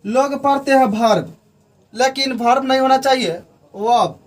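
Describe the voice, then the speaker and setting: A man teaching English pronunciation at a board in a classroom-style lesson, slowly spelling out words letter by letter. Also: extremely high pitch, steady tone, recorded from a distance. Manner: slow, explanatory, spelling out letters one by one. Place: room with a board.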